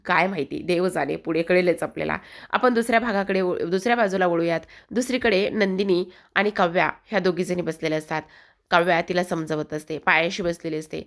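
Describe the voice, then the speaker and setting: A woman's voice: on the low side, brisk. A woman retelling a TV serial episode in a chatty manner, speaking directly to her viewers. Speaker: TV serial recap narrator.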